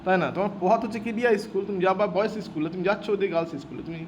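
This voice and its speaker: A man's voice: sits high, racing, a little hiss or hum. A man teaching vocabulary, repeating words and answering his own questions. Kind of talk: vocabulary lesson explained in Bengali.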